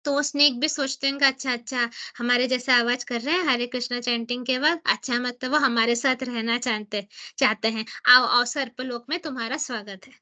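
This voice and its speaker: A woman's voice: a little high, steady tone, sharp tone. A woman leading a devotional scripture class who explains in chatty mixed Hindi and English, asking and answering her own questions. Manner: reads English book passages slowly and deliberately.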